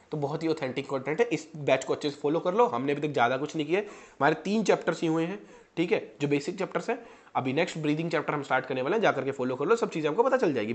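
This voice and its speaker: A man's voice: on the high side, fairly bright tone. A young man in his twenties, a medical student, giving chatty, direct exam-prep advice to students. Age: 20s. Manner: chatty, direct, addresses students as "janab" and "bhai". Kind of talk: casual exam-prep coaching talk.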